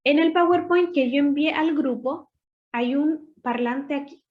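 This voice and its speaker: A woman English teacher, patiently explaining grammar step by step and slowly modeling English words in a recorded lesson. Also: high-pitched. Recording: dull lo-fi voice recording.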